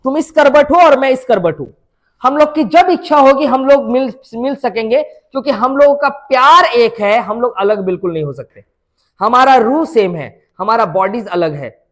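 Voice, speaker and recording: A woman teacher explaining an English poem line by line for students, reading each verse slowly and then explaining it in plain speech, often turning to the class with a question. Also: on the high side, animated. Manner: addresses students directly, often asks "है ना?".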